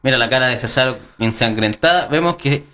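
A man's voice: medium pitch, a little fast, pushed and bright. A man co-commentating live wrestling, reacting to the action with exclamations.

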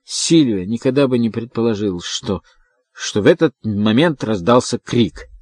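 A man doing a jittery engineer who stumbles over words and repeats himself as he tries to keep calm. The voice sits a little above the reader's usual, on a dry recording. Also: mid-range voice, measured pace, no room sound. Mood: anxious. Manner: nervous, hesitant, repeating himself. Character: anxious male engineer trying to stay calm.

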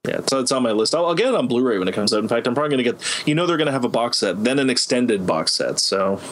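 A man co-hosting a podcast, talking fast and with enthusiasm in a casual gaming chat, often laughing. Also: mid-range voice, animated, a bit bright. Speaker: podcast co-host.

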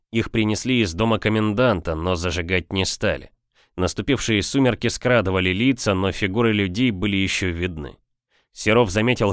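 A male audiobook narrator reads in a steady, measured way with a fairly low voice. The recording is dry and close, with no room around it. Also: no echo.

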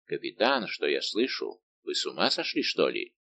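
A man's voice: extremely low pitch, wildly swooping pitch, moderate pace, creaky, bright, forceful tone, pitched below the performer's own voice, exaggerated voice. A man reading an audiobook, voicing a haughty young king who questions and rebukes with indignation. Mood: indignant. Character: haughty young male king, imperious and angered.

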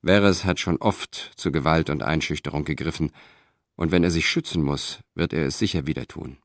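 A man's voice: a bass voice, normal speed, no echo, clean studio sound. A man reading an audiobook, voicing a proud, ambitious middle-aged Roman senator who speaks with confident, declaiming force. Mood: urgent.

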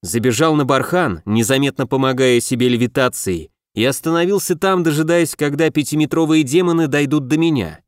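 A man narrating a first-person fantasy audiobook in a brisk, lively storytelling manner. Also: medium pitch, no room sound, studio quality.

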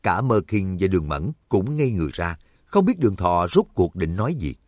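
A man narrating an audiobook with expressive, scripted storytelling. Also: sits low, fairly quick, dry recording, studio quality.

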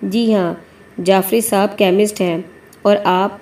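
A woman's voice: medium pitch, steady tone, darkish tone, close to an everyday voice. A woman voicing a retired army major working as a company officer, courteous and guarded.

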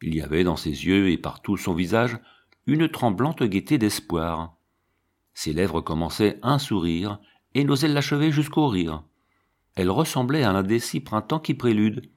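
A man reading a story aloud as an audiobook narrator, in a measured, expressive way. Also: fairly low pitch. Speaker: audiobook reader. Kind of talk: scripted narration.

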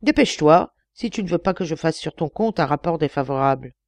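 A woman's voice: sits low, lively intonation, brisk, no room sound. A woman voicing a scheming male royal envoy who speaks sternly and wheedles for a bribe in a read-aloud story.

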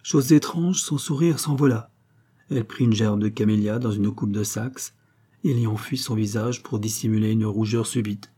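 A man narrating a classic novel as an audiobook, in a measured literary reading. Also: fairly low pitch, dark tone, husky.

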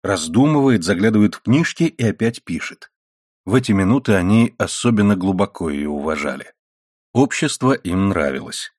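A man's voice: low-pitched, animated, moderate pace, a little mellow, no echo, studio quality. A man narrating a classic novel as an audiobook, reading expressively and acting out the dialogue.

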